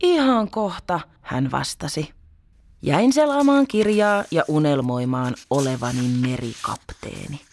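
A woman reading a children's story aloud in an expressive, animated way. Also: very deep voice, no room sound.

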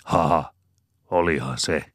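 A man voicing a gruff, hearty older farm boss who talks loudly and bluntly. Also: very deep voice, dry recording, studio quality. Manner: loud, guffawing, blunt.

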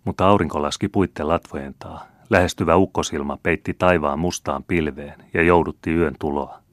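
A man narrating a classic novel as an audiobook, reading in a measured, steady way. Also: very deep voice, dry recording, clean studio sound.

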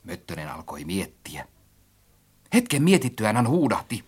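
A man's voice: lowish voice, slightly rough. Man narrating a children's audiobook. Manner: expressive reading, acts out his own quoted lines.

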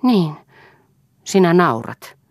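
A woman's voice: lowish voice, sing-song, gravelly, dry recording, clean studio sound, pitched above the performer's own voice. A woman voicing a tender young woman who speaks in a wistful, pleading way, in a read-aloud story. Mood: hurt.

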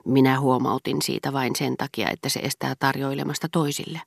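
A woman reading aloud voices a sharp-tongued middle-aged hostess who gives orders at her dinner table. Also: a bass voice, fairly even intonation, gravelly, dry recording, clean studio sound, exaggerated voice. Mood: bossy. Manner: sour, commanding, then briefly soothing.

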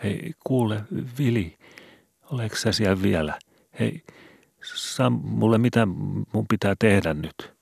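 A man's voice: lowish voice, long pauses, slightly rough, dry recording, studio quality, voice pushed up. A man voicing a frightened young street boy in old Helsinki slang, trembling and pleading.

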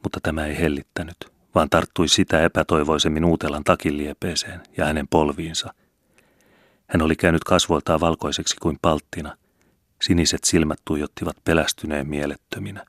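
A man reading a classic novel aloud as an audiobook narrator, measured and earnest. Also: rumbling low, level tone, a bit bright, dry recording, clean studio sound. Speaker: audiobook reader.

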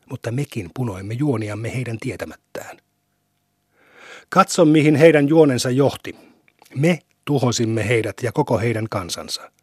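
A man reads scripture aloud in a measured, solemn way, his voice slightly husky. The sound is dry and close, with no room echo, as from a studio. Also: mid-range voice. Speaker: scripture reader.

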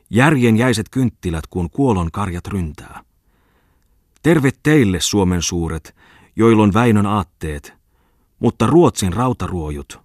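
A man's voice: low-pitched, no room sound, clean studio sound. A man voicing a drunk male newspaper editor who fiercely declaims his own patriotic poem in an audiobook. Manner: pathetic, fiercely declaiming verse.

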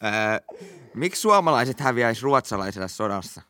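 A young man co-hosting a podcast, chatting casually and delivering crude bad jokes with deadpan punchlines. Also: mid-range voice, no echo. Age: young adult. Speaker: podcast co-host.

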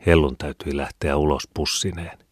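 A man narrating a classic novel as an audiobook, in a measured, even storytelling manner. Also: very deep voice, breathy edge, dry recording, clean studio sound.

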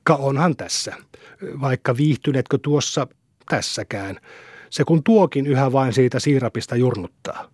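A man's voice: mid-range voice, darkish tone, no room sound, clean studio sound, lightly acted. A man doing a grumbling sullen peasant. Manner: grumbling, muttering.

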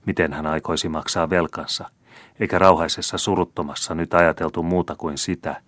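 A man reading a classic novel aloud as an audiobook, in steady, measured narration. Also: a bass voice, no room sound. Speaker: audiobook reader. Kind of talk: scripted narration.

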